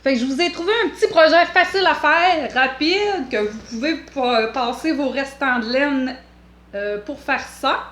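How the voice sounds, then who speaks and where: A woman's voice: sits high, moderate pace, fairly bright tone, roomy sound. A woman with a Québécois accent hosting a knitting vlog, chatting casually in a rambling, playful way with jokey asides. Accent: Québécois French.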